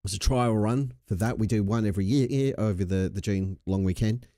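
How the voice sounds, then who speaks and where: Still getting over a chest infection and coughing now and then, this Australian livestream host keeps things relaxed, joking and swearing freely. He talks fairly quickly in a lowish, warm voice, and the studio sound is clean with no echo.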